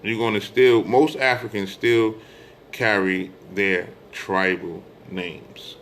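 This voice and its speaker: In a steady, fairly low-pitched and slightly bright voice, a middle-aged American religious speaker talks slowly to his online followers. His informal monologue is emphatic, with repeated phrases and rhetorical questions, and a little hiss or hum sits underneath.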